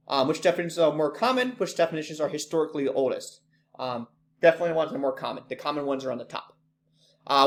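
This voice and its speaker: A man teaching an online class, talking casually with many ums and quick apologies for slips. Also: on the high side.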